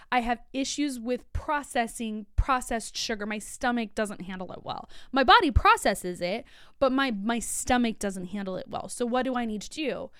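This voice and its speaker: Chatty woman with smooth clear voice. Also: on the high side, no room sound, studio quality. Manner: chatty, many fillers and restarts. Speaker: guest speaker. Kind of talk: casual talk.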